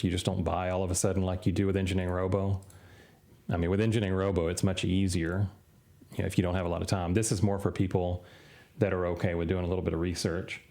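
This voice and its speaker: A man hosting a trading channel, giving a casual screen-share walkthrough in an unhurried, loose way, losing his voice and clearing his throat often. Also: deep voice, a little mellow. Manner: unhurried, loose, full of "uh" and "you know". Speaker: crypto trading channel host.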